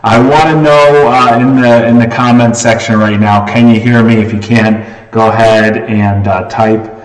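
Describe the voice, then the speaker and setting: A man's voice: mid-range voice, steady tone, unhurried, distant mic. Man talking in a heavily echoey room. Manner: rambling, restarts and talks to chat. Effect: heavy echo from a bare room. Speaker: livestream host. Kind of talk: casual live stream chat. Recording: echoey room with long reverb.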